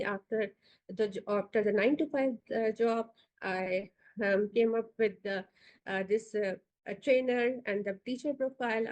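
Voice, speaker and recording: This is a Pakistani-accented woman in her forties who founded an institute, leading an online orientation on a video call. She speaks at a medium pitch with a darkish tone, hesitating with frequent fillers and telling others when to change slides. The recording quality is low.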